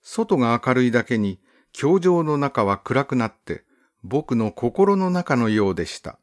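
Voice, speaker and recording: A male narrator reads a first-person story with a measured, gently expressive delivery. His pitch sits in the middle but rises and falls a great deal from phrase to phrase, giving the reading plenty of melody. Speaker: audiobook narrator. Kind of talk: calm literary storybook narration.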